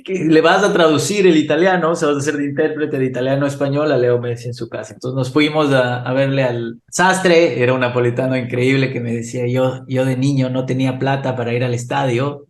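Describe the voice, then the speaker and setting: An Ecuadorian man speaks as a podcast guest, telling a story with plenty of animation and frequent laughter. His voice sits at a middling pitch. The room around him sounds echoey. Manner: animated anecdote teller, laughs often. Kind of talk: casual storytelling interview.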